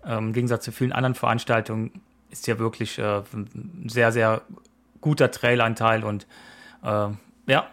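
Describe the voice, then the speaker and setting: A man's voice: fairly low pitch, flat delivery, moderate pace, fairly bright tone. A man in his forties co-hosting a podcast, chatting casually in an easygoing, rambling way with frequent hesitations. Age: 40s. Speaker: podcast co-host. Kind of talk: casual chat.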